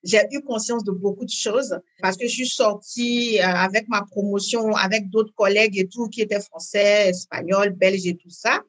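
A woman, talking as an interview guest in a hesitant way, with many fillers and repeats, then bursts of lively emphasis. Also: mid-range voice, moderate pace, few pauses. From Benin. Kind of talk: conversational interview.

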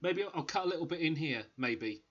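A man's voice: on the high side, lively intonation, fairly quick, breathy edge, muffled recording. A man co-hosting and editing a podcast in casual chat, playful and laughing often. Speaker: podcast co-host and editor.

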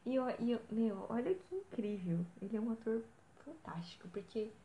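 A woman's voice: a little high, fairly quick, mellow. A young woman co-hosting a podcast, chatting casually and exclaiming often. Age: young adult. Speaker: podcast co-host. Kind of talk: casual chat. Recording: echoey room, faint background noise.

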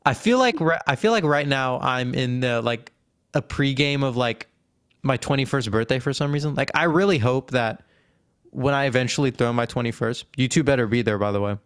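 A man's voice: mid-range voice, fairly quick, clean tone. Young man hosting a chatty podcast. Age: around 20. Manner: laughing, restarts sentences. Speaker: podcast host. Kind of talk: casual chat.

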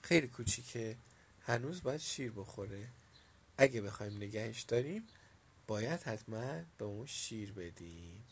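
A man's voice: fairly low pitch, lively intonation, husky. A man voicing a worried, caring old village woman in a storybook reading, lifting his voice a little for her.

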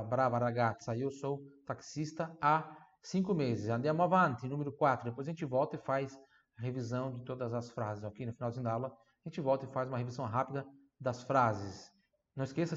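A man giving an online language lesson as the teacher, explaining patiently and repeating phrases slowly for listeners to practice. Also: medium pitch, highs cut off. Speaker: Italian teacher.

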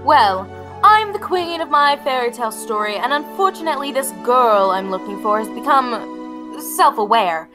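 Woman as wicked fairy-tale queen: high voice, haughty theatrical menace, music underneath. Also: animated, moderate pace, lightly acted. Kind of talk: theatrical audio drama acting. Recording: music behind the voice.

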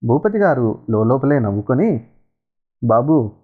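Lively male storyteller, tinny sound. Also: medium pitch, normal speed. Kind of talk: storybook narration.

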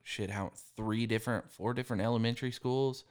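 A man's voice: medium pitch, steady tone, fairly quick, smooth. A man hosting a casual podcast chat, joking around crudely with his co-hosts. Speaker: podcast host.

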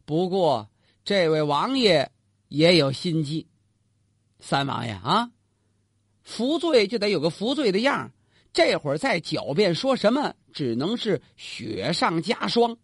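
A male storyteller, telling a traditional tale in a lively way, talking straight to the listener and asking and answering his own questions. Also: sits high, a little slow, breathy edge, no room sound, studio quality.

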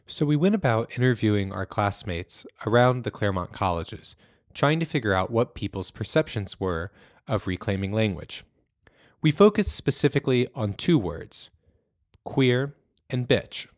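A young man hosts a student podcast in a measured, scripted read. His voice sits on the low side. The recording is close and dry, with no room sound around it. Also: no room sound. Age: young adult. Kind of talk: scripted narration.

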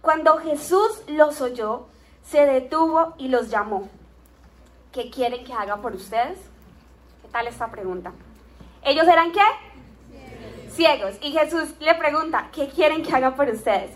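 Woman, high voice, lively preacher, speaks straight to the congregation, playful asides. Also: measured pace, a little hiss or hum. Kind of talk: sermon.

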